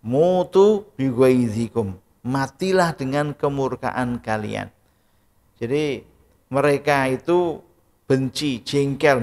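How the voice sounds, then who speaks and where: A male preacher giving a Quran study sermon, telling stories and posing questions he then answers. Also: mid-range voice. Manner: storytelling, asks and answers his own questions. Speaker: Islamic preacher. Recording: long hall reverb.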